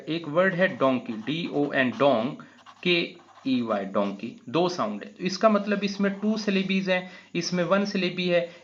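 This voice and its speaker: Male English teacher, fairly high voice, unhurried and patient, spells words aloud, muffled lo-fi sound. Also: fairly bright tone. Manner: spells out words letter by letter, with frequent fillers. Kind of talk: classroom grammar explanation. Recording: dull lo-fi recording.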